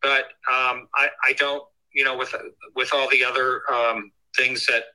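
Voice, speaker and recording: A man calling in as co-host, heard through a phone on speakerphone, talking casually in a halting way with many fillers and restarts. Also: mid-range voice, flat delivery, bright, forceful tone, poor audio. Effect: heard over a phone on speakerphone. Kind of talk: casual live chat.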